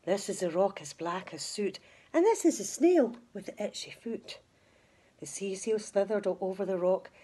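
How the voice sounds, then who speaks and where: A woman with a mid-range, dark voice and a breathy edge reads a rhyming picture book aloud to children. Like a teacher, she uses emphatic, dramatic phrasing in this expressive storytelling.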